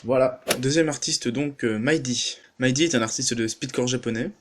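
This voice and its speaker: A young man hosts a casual spoken album review for his channel, sounding chatty and enthusiastic and saying "euh" a lot. He speaks at a medium pitch and moderate pace.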